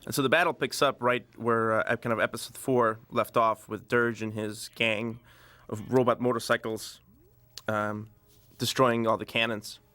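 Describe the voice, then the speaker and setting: A man giving a relaxed, rambling DVD commentary as a director, with many fillers. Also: medium pitch, moderate pace.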